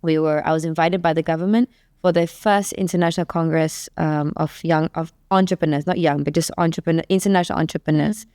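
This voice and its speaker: A woman's voice: low voice, fast, no room sound, studio quality. A woman who grew up in Malaysia, a guest in a casual panel chat, telling stories chattily and acting out the exchanges she quotes. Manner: chatty, animated storyteller, acts out quoted exchanges. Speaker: guest, youth entrepreneurship advocate.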